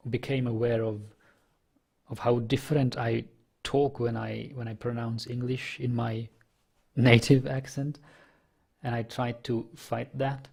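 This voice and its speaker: Unhurried and flat, his mid-range voice carries vocal fry, a darkish tone and a breathy edge. He's a young native Czech speaker from the Czech Republic with a Czech accent, casually talking through his online poker game and reading chat, full of hesitations and fillers.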